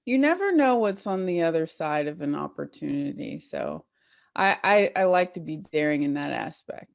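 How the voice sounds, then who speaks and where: A soft-spoken woman from Tennessee, a small business owner, talking about her life in a relaxed way as an interview guest. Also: low voice, moderate pace, vocal fry, no room sound. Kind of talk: casual interview chat.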